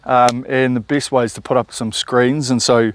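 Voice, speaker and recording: A man's voice: mid-range voice, level tone, normal speed, no room sound. Casual New Zealand man, homeowner chatting. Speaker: homeowner on a renovation show. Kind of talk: casual chat to camera.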